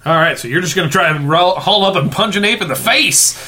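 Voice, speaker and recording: Guy running a tabletop game, casual talk, sharp bright voice a bit on the high side. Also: a little fast. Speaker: game master.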